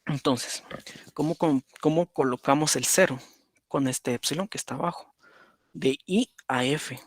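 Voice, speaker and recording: A man's voice: a little high, a little slow, dry recording. A man teaching a lesson at his computer, explaining step by step and checking in with "right?" as he draws. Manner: explanatory, repeats "por ejemplo" and "¿verdad?". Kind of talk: lecture on automata.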